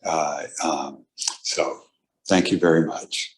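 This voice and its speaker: A man, the exhibiting artist, speaking casually and hesitantly with many pauses at a gallery event. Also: extremely low pitch, fairly even intonation, background noise. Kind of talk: casual spoken remarks.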